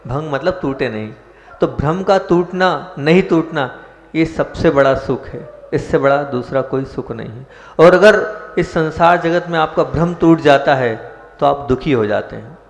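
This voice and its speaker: Slow-preaching man in an echoey hall. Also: mid-range voice. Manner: slow chanting of prayers, then measured preaching with rising emphasis. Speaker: Jain monk. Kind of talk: sermon. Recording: echoey hall with long reverb.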